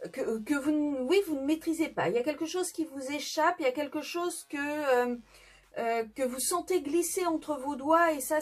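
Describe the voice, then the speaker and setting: A French woman giving a casual tarot reading, chatty and hesitant with many fillers and restarts. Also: sits high. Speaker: tarot reader. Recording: faint background music.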